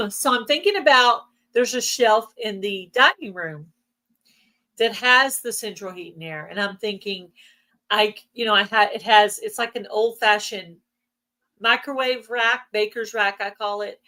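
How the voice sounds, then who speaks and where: A woman with a mid-range voice speaks at a measured pace, her tone pushed and bright. She's chatting casually and explaining things while allergies make her lose her voice, and she clears her throat.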